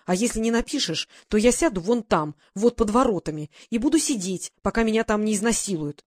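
A woman's voice: medium pitch, expressive, brisk, dry recording, studio quality, natural voice. A woman reading an audiobook, voicing a stubborn, emotional young woman who argues in a defiant, pleading way.

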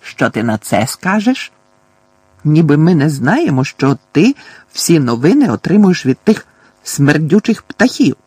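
A man doing a hoarse, furious bullying uncle. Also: on the high side, very animated, unhurried, no room sound, heavily acted. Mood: angry. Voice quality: hoarse, gruff. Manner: loud and badgering. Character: blustering, furious middle-aged uncle.

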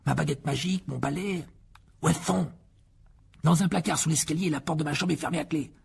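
Man doing a young boy wizard, earnest, slightly raised pitch, rough gravelly voice, audiobook. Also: fairly quick, exaggerated voice. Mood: urgent. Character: brave twelve-year-old boy wizard.

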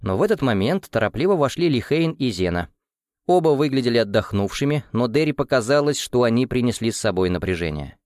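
A male audiobook narrator with a steady, measured delivery and a dry sound with no room echo. His voice sits at a middling pitch for a man. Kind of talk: scripted narration.

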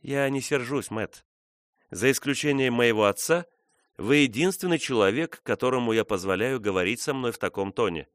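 A man's voice: medium pitch, normal speed, fairly bright tone, no room sound, studio quality, voice pushed up, close to an everyday voice. A man reading the part of a spirited young woman in an audiobook, teasing and defiant. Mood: firm. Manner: teasing, challenging.

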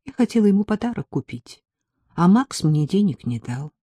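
A woman reading the part of a timid young woman who hesitantly, apologetically asks a friend for a favor, in a soft, husky, dry voice. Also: mid-range voice, big pitch swings, normal speed, dry recording, pitched above the performer's own voice. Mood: dejected.

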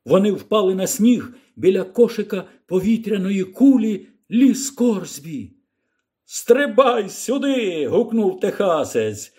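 A man narrating an audiobook in a measured, expressive reading. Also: high-pitched. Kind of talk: scripted narration.

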